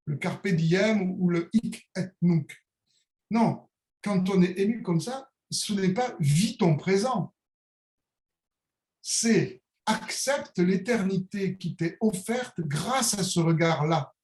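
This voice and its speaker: A middle-aged man with a Niçois French accent reflects aloud, feeling his way through each idea with pauses, fillers and restarts. His voice sits a little high for a man. The room around him is echoey. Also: lively intonation, darkish tone. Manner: searching, hesitant, philosophical, with many fillers and restarts. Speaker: calligrapher, interview guest. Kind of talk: reflective conversational monologue.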